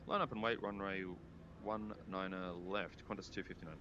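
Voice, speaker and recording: A man's voice: sits low, normal speed. A man making clipped airline-pilot radio calls into a cockpit headset microphone. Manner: clipped radio phrasing, relaxed between calls. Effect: pilot speaking into a cockpit headset mic. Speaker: flight simulator pilot. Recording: muffled headset mic with steady background hum.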